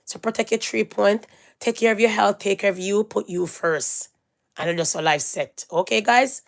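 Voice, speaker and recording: A woman's voice: mid-range voice, moderate pace, creaky. Emphatic woman preaching to viewers. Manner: emphatic and moralizing, repeats phrases, swings from loud to hushed. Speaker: vlogger. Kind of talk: casual preachy monologue to viewers.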